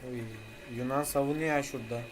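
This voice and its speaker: A young man streaming a game live, swearing a lot and shouting repeated chants to rally his viewers. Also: medium pitch, steady tone, fast, background noise.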